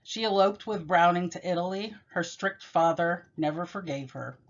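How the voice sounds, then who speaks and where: A woman giving a measured, explanatory poetry lesson and reading the poem aloud. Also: fairly low pitch. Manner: measured, explanatory, with occasional self-corrections. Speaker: teacher. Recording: dull, lo-fi.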